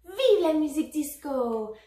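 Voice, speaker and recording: A woman voicing a gentle, cheerful little teddy bear toy in a children's storybook reading, with a higher voice for the bear. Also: slow, full character voice. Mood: excited. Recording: roomy echo.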